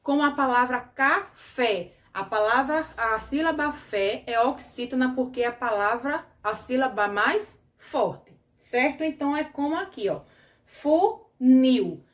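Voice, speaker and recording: Slow, patient Brazilian teacher woman, echoey room. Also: high-pitched. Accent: Brazilian Portuguese. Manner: patient, explains slowly, keeps asking the class "certo?". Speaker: primary school teacher. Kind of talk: online grammar lesson for children.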